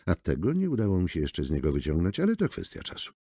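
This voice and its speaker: Brief: sardonic woman lawyer, raised lively gravelly voice, read by a man. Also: low-pitched, fast, no room sound, clean studio sound, exaggerated voice. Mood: brusque. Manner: brusque, mocking. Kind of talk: audiobook character voice.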